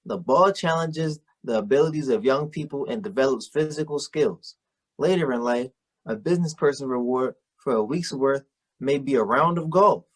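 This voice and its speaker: A man's voice: medium pitch, normal speed, lightly acted, rough recording. A man voicing an earnest young college-student puppet, reading a scripted educational report for children in a presentational way. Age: young adult. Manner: earnest, presentational read-aloud.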